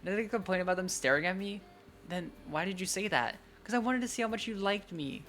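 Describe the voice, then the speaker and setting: A playful young woman spirit in a visual novel, pouting and teasing in a sing-song lilt, voiced by a man. The tone is bright and a little raised in pitch. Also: brisk, soft background music.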